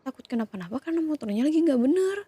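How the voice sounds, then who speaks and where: A woman in a whispered role-play, calmly scolding and soothing two siblings who have been fighting. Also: high voice, very fast, dry recording. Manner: scolding yet soothing, questioning. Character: woman calming partner and his younger sibling fighting. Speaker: ASMR roleplay creator.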